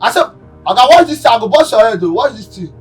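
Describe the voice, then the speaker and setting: Man doing pushy nigerian creditor, scolding in pidgin, high voice, comedy skit with some music under it. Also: animated, a little fast. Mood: angry, threatening. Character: pushy, irritable man demanding payment.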